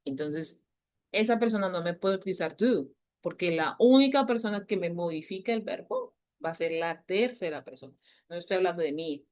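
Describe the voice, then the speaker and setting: A woman teacher explaining grammar to a class, patiently repeating key points and slowing down to stress them. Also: lowish voice, lively intonation. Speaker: English teacher.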